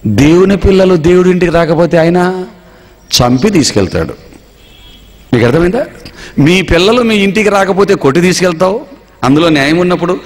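A male preacher giving a dramatic sermon, acting out everyday scenes and putting questions to his listeners. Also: high-pitched. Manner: dramatic storyteller, acts out dialogue, asks the congregation questions. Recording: long reverb.

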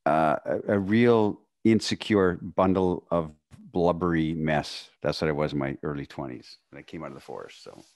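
A man in his fifties from northwestern Canada, a guest on a video-call podcast, telling his story in a relaxed way with frequent laughs and quiet, trailing phrases. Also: normal speed. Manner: relaxed, laughs often, drifts into a quiet, low voice. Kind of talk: casual conversation. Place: home room, video call. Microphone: studio mic on a boom arm.

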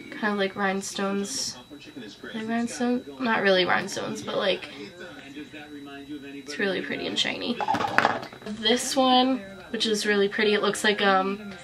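The audio is poor, capturing a mid-range female voice. She is a vlogger in her twenties, sick with a cold, casually talking to the camera indoors in a small bedroom while displaying a collection.

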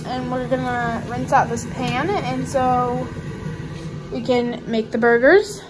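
A woman's voice: a little high, level tone, takes it slowly. A young woman filming and narrating a home cooking vlog, teasing her siblings as she goes. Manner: teasing, playful. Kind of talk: casual kitchen vlog narration. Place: home kitchen. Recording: noisy kitchen with sizzling pan.

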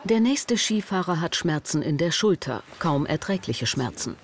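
A woman narrating a television documentary in a measured, matter-of-fact scripted voice-over. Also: low voice, very animated, a little hiss or hum. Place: studio voice-over.

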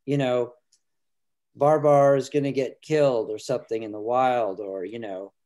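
Over a webcam in a home room, this middle-aged man, a filmmaker guest, chats casually on a video call. His medium-pitched voice is steady and dark in tone, and his earnest delivery is halting, full of restarts.

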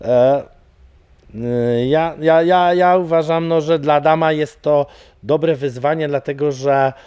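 A man's voice: on the high side, steady tone, takes it slowly, darkish tone, clean tone, dry recording, muffled recording. A middle-aged man, an MMA coach, talking casually in an interview, rambling with many fillers and repeated words. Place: studio with banner backdrop.

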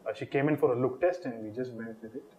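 A man, a film director giving a lively interview answer and mixing in Telugu phrases. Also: medium pitch, racing, poor audio.

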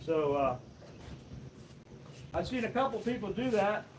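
A man in his fifties with a high, animated, darkish voice hosts a casual live vlog from an open outdoor sawmill shed, chatting unhurriedly and explaining as he works. Workshop noise surrounds him, and his distance from the mic keeps varying.

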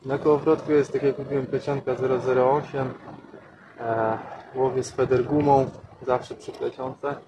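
A young man vlogs his fishing session outdoors beside a canal, casually explaining his gear step by step. His mid-range voice is level and at normal speed, the audio sounds dull, and outdoor noise and nature sounds fill the background.

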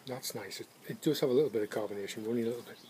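A man's voice: medium pitch, rapid-fire, mellow, slight background noise. A man in his fifties chatting casually to the camera while filming himself outdoors in a garden, reviewing drinks and thinking aloud with ums. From England. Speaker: homebrew vlogger reviewing beer and cider. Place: garden outdoors on a sunny day. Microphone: camera at arm's length.

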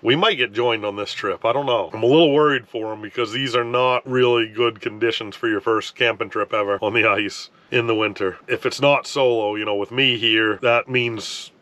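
A relaxed man in his thirties vlogs about fishing from an ice fishing tent on a frozen lake, wind outside, talking casually to camera. He rambles, restarts frequently and keeps saying "you know". His voice is mid-range, at normal speed with hardly any pauses.

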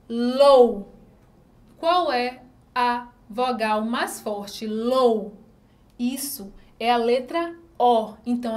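Slow, patient high-voiced woman teacher. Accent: Brazilian Portuguese. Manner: slow, patient, repeats syllables and asks the pupils questions. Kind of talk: recorded online lesson.

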